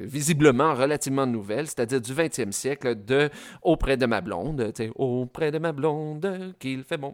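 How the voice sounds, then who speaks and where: A man with a Québécois French accent presents songs on the radio in a loose, chatty way. He hesitates often and fills pauses with little sounds, at a middle pitch. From Quebec. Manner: hesitant, many fillers, chatty asides. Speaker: radio host.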